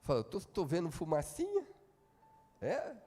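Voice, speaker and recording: Brazilian pastor guy, high voice, preaching loud then soft, big church echo. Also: wildly swooping pitch, measured pace. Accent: Brazilian Portuguese. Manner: preaching with call-and-response, swings from quiet to shouting. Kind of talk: sermon. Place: church hall.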